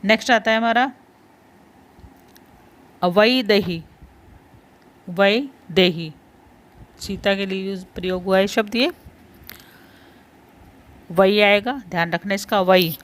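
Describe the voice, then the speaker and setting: A woman's voice: medium pitch, a little slow, long pauses. A woman teaching a Hindi spelling lesson. She says each word, repeats it, and patiently points out which ones are important.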